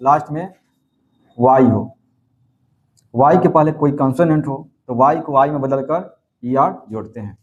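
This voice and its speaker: A man's voice: mid-range voice, a little slow, pauses often, highs cut off. A man teaching a grammar class in a coaching centre. He speaks, repeats each key word and asks questions that he then answers himself.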